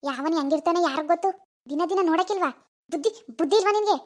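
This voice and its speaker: Cartoon mother, enraged, voiced by a woman, very high and shrill, rattles off insults at speed. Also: heavy background noise. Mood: angry scolding. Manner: shrill, rapid scolding with insults. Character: furious village mother scolding her teenage daughter.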